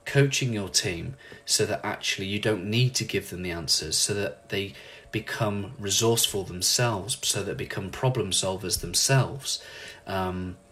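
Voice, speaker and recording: A man speaking as a leadership coach in an animated, ranting motivational monologue, acting out quotes in lively voices. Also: low-pitched, a little slow, slightly rough.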